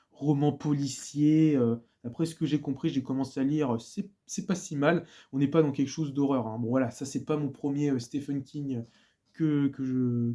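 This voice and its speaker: A man with a mid-range, dark-toned voice chats casually on video about the records and books he bought, stumbling through frequent fillers and restarts.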